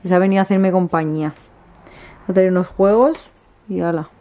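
With a fairly low pitch, a steady tone and a brisk pace, a woman in her thirties vlogs for her family channel while eating at her dinner table. She chats softly and casually, restarting often. The camera sits nearby on the table in a small indoor room, and the recording has a tinny, phone-like quality.

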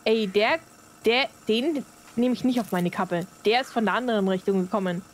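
A woman's voice: mid-range voice, moderate pace, slight background noise. A woman chatting casually and playfully while gaming on a livestream. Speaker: livestream gamer.

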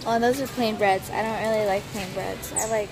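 A woman's voice: medium pitch, steady tone, a little fast, vocal fry. A woman, a mother, chatting casually to a handheld camera in a car and outside a stadium, giggly and losing her train of thought. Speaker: family vlogger and mother. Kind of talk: casual vlog chat. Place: in a car, then outdoors around a stadium. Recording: loud traffic and outdoor noise.

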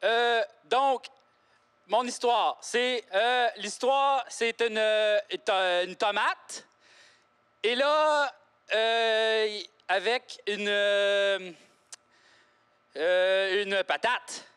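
A dim, earnest fellow, bumbling through his lines with endless pauses and fillers. His voice sits very high and he speaks slowly, with faint music underneath. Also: fairly bright tone, smooth, heavily acted. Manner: bumbling, halting, full of fillers. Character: dim, earnest male book-loving guest.

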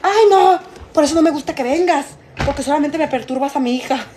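A woman voicing a fussy, indignant grandmother scolding a guest, in a higher, louder voice. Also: fairly quick, noisy background, close to an everyday voice.

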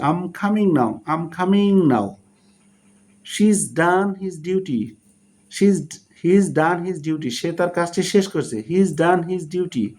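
A man teaching a spoken English lesson in Bengali, who says short English phrases slowly and deliberately and then translates them. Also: high voice, a little mellow.

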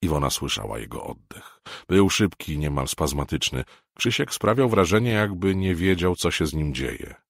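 A man from Poland reading a novel aloud as an audiobook narrator, measured and expressive. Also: deep voice, vocal fry, dry recording, clean studio sound.

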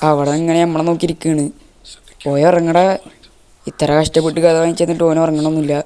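Warm, smooth-voiced man joking through gameplay. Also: on the high side, little pitch movement, very fast. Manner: joking, playfully scolding the game baby. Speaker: gaming channel host. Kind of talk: casual gameplay commentary.

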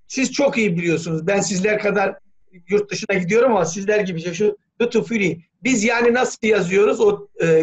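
A man speaking as a language scholar in an academic meeting, talking thoughtfully with many hesitations. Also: high voice. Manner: thoughtful, hesitant, frequent "e" fillers, spells words letter by letter. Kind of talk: academic discussion on a video call. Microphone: video call. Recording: dull lo-fi video call audio.

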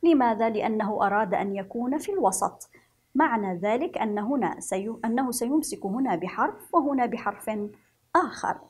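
A Yemeni woman teaching a children's reading lesson, speaking slowly and encouragingly and stretching out letter sounds. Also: a little high, lively intonation, slightly rough. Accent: Yemeni Arabic. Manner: slow, sing-song, encouraging, drawn-out letter sounds.

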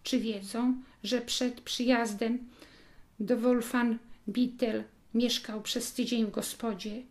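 A woman reading a story aloud as an audiobook narrator, in slow, deliberate scripted narration. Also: on the high side, flat delivery, a little mellow.

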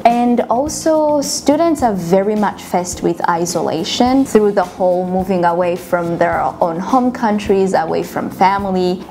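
A young woman from Rwanda speaks as a student union president in a casual interview. She explains things in a calm, measured way, and her voice sits at a middle pitch. Faint music plays behind her. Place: office meeting room.

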